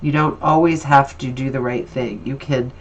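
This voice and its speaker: A woman's voice: a bass voice, fairly even intonation, moderate pace, dull audio. A woman with a stuffy, nasal voice from allergies, giving an upbeat and encouraging tarot reading in a casual, chatty way. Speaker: tarot reader.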